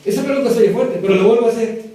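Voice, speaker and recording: A man preaching a sermon, reading scripture verses slowly and asking the congregation direct questions. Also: very high-pitched, warm tone, recorded from a distance. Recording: echoey hall, voice picked up from afar.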